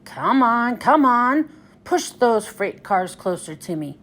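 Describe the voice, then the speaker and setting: A woman's voice: a little high, very animated, slow, fairly bright tone, slight background noise, full character voice. A woman voicing a cranky, bossy male dockside crane in a children's storybook, with a complaining manner.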